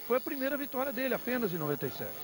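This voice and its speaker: A man's voice: very high-pitched, very animated, very fast. A Brazilian man giving unscripted motorsport commentary as the analyst, explaining at length in rambling detail. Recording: engine noise behind voice. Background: race cars and trackside ambience.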